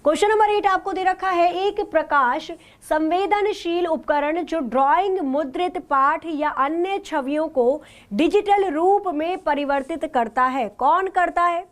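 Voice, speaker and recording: A woman's voice: very high voice, a little slow. A woman teacher taking a live online class, asking questions and then answering them herself, with English terms mixed into her talk.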